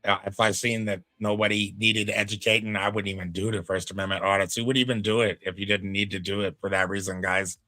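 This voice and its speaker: A man's voice: fairly low pitch, flat delivery, quick pace, few pauses, sharp tone, no echo. A man giving casual commentary on a clip as a reaction streamer, chatty and laid-back with preachy asides.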